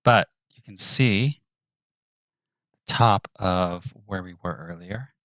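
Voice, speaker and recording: Male streamer, deep voice, close and dry, muttering commentary while he works. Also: slow pace, fairly bright tone, no room sound. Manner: thinks aloud, muttering and whispering to himself. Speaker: 3D artist streaming his work. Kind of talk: live-stream narration of work.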